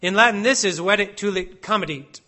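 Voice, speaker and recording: A man preaching an expository sermon, slow and deliberate, stressing each word as he reads out Hebrew and Latin phrases. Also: high-pitched, bright, forceful tone.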